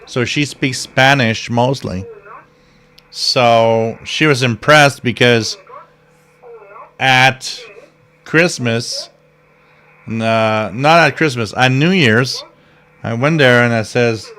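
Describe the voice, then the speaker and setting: A man with a medium-pitched, sharp-toned voice speaks slowly and pauses often. Co-hosting a live radio stream, he chats casually and rambles through stories with lots of fillers and restarts, laughing at his own tales.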